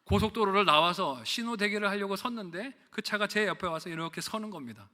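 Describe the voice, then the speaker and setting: Brief: middle-aged male pastor, bright raised voice, church sermon with long reverb, storytelling with rhetorical questions. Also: sits high, fairly quick. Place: church sanctuary.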